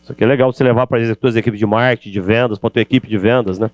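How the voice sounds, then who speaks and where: Palestrante brasileiro animado, voz seca com zumbido. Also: male voice, fairly low pitch, rapid-fire, no room sound. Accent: Brazilian Portuguese. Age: middle-aged. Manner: animated, addresses audience directly with rhetorical questions. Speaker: keynote speaker on sales. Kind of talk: energetic business lecture. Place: event hall.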